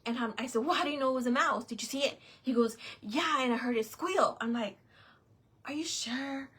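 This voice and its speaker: A middle-aged vlogger tells a long, rambling story in casual style, circling back, restarting, and piling up fillers. Her fairly quick voice sits a little high, bright and forward in tone yet husky.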